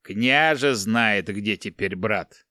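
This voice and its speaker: Gruff giant barbarian, read by a man, loud slow drawl, folksy jibes, audiobook. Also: mid-range voice, animated, dry recording, clean studio sound. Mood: angry.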